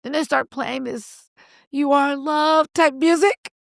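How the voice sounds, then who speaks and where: A woman co-hosting a podcast, telling a story in casual chat, animated and swearing casually as she acts out what people said. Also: sits high, takes it slowly, creaky, no room sound, clean studio sound. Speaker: podcast co-host.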